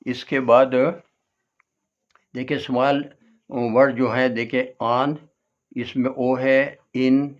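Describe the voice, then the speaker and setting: Male tutor, unhurried, spells words out, dull lo-fi recording. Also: mid-range voice, flat delivery. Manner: slow, spells words out letter by letter; switches between English and Urdu explanations. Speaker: English tutor. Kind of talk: classroom lesson.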